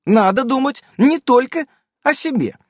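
A man voicing a fussy, flustered witch who is a wife and mother, in a high, scolding, chirping voice. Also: lively intonation, measured pace, no room sound, clean studio sound, exaggerated voice.

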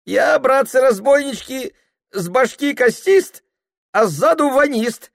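A man voicing a frightened male peasant who talks in a high, jittery, fawning way. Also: animated, takes it slowly, creaky, no room sound, studio quality, exaggerated voice. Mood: nervous.

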